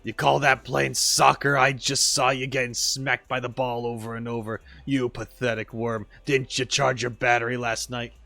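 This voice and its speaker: A man's voice: mid-range voice, level tone, normal speed, gravelly, hardly any pauses, pushed and bright, no room sound, faint music behind, pitched below the performer's own voice. A man voicing a blustering male robot soccer coach who scolds and insults his player. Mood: scolding. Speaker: streamer reading game dialogue aloud. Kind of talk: voice acting game dialogue on stream.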